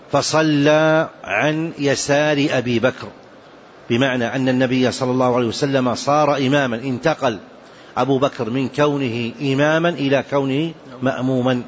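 A man teaching a religious lesson on prayer rulings, speaking slowly and deliberately and repeating key points for emphasis. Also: medium pitch. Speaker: Islamic jurisprudence teacher. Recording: dull lo-fi recording with faint noise.

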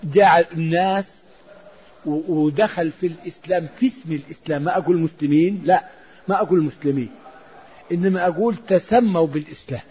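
A man's voice: fairly high pitch, fast, slightly rough. A man giving a religious lesson as an Islamic scholar, fervent, with raised emphatic outbursts. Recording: dull lo-fi recording.

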